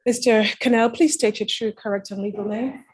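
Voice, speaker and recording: A woman's voice: a little high, steady tone, brisk, a little mellow, rough recording. A woman acting as court clerk, reading formal questions and oaths to defendants in a plea hearing.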